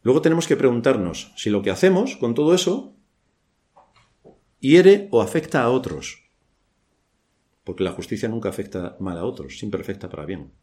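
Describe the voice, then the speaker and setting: A man's voice: medium pitch, very animated, moderate pace, long pauses, darkish tone. A man from Spain with a Spanish accent preaching a church sermon, asking rhetorical questions and adding dry ironic asides.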